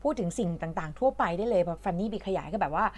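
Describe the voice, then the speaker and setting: A woman's voice: on the low side, animated, fast talker, mellow. A woman from Thailand who teaches English, patiently explaining a reading lesson in a chatty way with lots of fillers.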